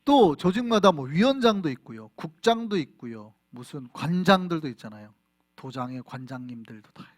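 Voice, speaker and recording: A man's voice: on the high side, very animated, moderate pace, dry recording. A middle-aged man, a pastor, preaching a sermon in a conversational way and often asking the congregation questions. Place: church in Flushing, New York.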